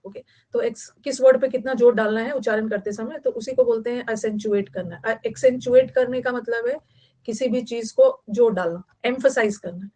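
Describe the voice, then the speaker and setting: A woman's voice: on the high side, normal speed, mellow. A woman from Bihar, teaching vocabulary in a chatty online class and repeating key words for note-taking. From Bihar, India.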